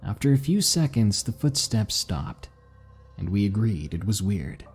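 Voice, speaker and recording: Husky man narrating spooky stories. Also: lowish voice, sing-song, measured pace, a little mellow, soft background music. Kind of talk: scripted story narration.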